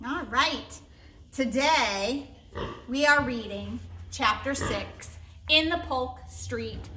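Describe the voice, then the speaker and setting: A woman teacher reads picture books and chapter books aloud, with expressive phrasing and chatty asides. Her voice is high and bright and unhurried. The recording has a roomy echo. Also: slight background noise. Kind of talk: storybook read-aloud.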